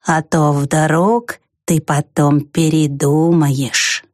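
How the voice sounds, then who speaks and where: A woman playing a very slow, calm snail. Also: low voice, no room sound, clean studio sound, heavily acted. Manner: very slow, drawn out, quiet.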